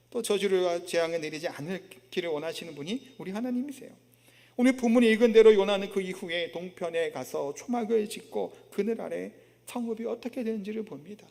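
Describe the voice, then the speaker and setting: A man's voice: high voice, creaky, darkish tone. A male pastor giving a sermon in a conversational way, asking the congregation questions and acting out an indignant prophet's complaints. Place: church sanctuary. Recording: long reverb of a church hall.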